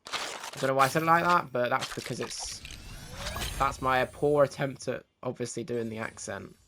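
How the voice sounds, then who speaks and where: A man's voice: mid-range voice, normal speed, noisy background. Chatty man playing a game. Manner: chatty, self-correcting. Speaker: gaming channel host. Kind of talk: casual game commentary.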